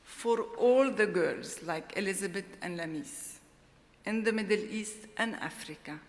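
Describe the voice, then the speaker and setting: A middle-aged woman gives a formal award acceptance speech at a podium microphone, in a slow, deliberate and heartfelt way. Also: mid-range voice. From Lebanon. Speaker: award laureate. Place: large ceremony hall. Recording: long hall reverb.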